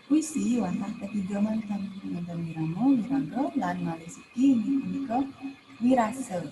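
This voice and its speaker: A woman teacher with a Balinese accent explaining poetry in an online class, full of "nah" and "ya" fillers. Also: mid-range voice. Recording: noisy livestream audio with background hum.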